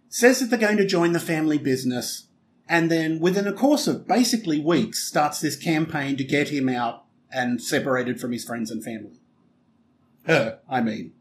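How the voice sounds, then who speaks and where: A man co-hosting a podcast who is opinionated and emphatic in casual chat, often telling stories with quick asides. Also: fairly high pitch, lively intonation, a little hiss or hum. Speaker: podcast co-host.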